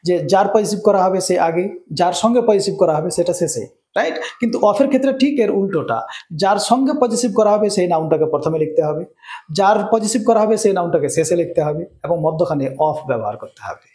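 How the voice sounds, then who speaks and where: A man's voice: high-pitched, expressive, fast talker, warm tone, reverberant. A man teaching English grammar rules in a lesson, often checking in with his students. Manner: asks students rhetorical check-in questions.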